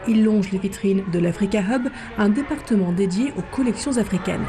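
A woman radio reporter narrating a news report in a measured, even way. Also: medium pitch.

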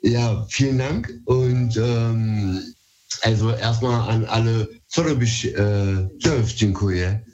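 A man from Berlin, Germany, whose first language is Turkish, calls in to a radio show for a phone-in conversation. His voice is on the low side, slow and mellow, and the recording is muffled; he speaks hesitantly with many fillers.

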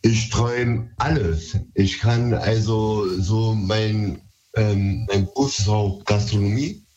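A Berlin man with a Berlin accent phones in to a radio show, chatting casually in a hesitant, slightly nervous way. His voice is lowish, slow and a little mellow, and the call comes through dull and lo-fi.

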